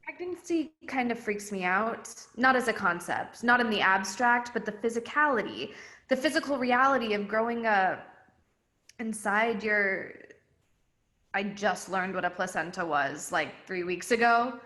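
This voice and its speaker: A woman's voice: mid-range voice, animated, measured pace, pushed and bright. A woman reading the part of an anxious young woman in an informal play read-through over a video call, awkward and rambling, correcting herself as she goes. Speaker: play reader.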